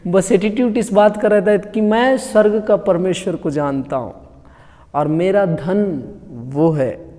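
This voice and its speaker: A male pastor with a high, warm voice delivers a casual Hindi sermon in a conversational style, repeatedly asking the congregation questions. A long hall reverb colors the recording.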